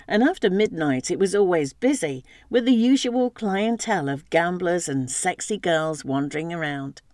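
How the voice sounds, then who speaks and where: A woman with a lowish voice reads a story aloud in a steady narrating manner. Her intonation rises and falls a lot. The recording is dry and close, with no room sound. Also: no room sound.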